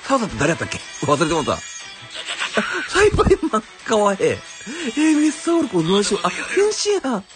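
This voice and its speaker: Talking a touch quickly, this excitable YouTuber with a strong Kansai Japanese accent narrates his game pulls while his voice jumps between low grumbles and high-pitched shrieks. His commentary is loose and casual, full of exclamations and musings, and the game music comes through clearly in the background.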